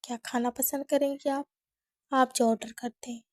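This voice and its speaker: A guarded young woman, voiced by a woman narrator answers curtly and stands her ground. The voice sits a little high and mellow, with a dry, close sound. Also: level tone, normal speed, no room sound, lightly acted. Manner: curt, refusing. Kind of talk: audiobook character reading.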